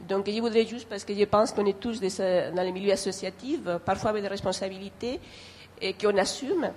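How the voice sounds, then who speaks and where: Woman w/ foreign accent in french, non-native, earnest and halting, talking at a discussion, bit of room noise. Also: medium pitch, darkish tone. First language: not French. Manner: earnest, hesitant, repeats phrases while searching for words. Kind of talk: spontaneous remarks at a public discussion.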